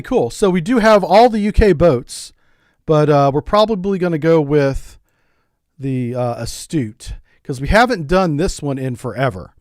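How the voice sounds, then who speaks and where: Fairly high-pitched but darkish in tone, a middle-aged man from the United States offers loose, joking gameplay commentary, rambling and repeating words frequently. The sound is dry and studio-clean.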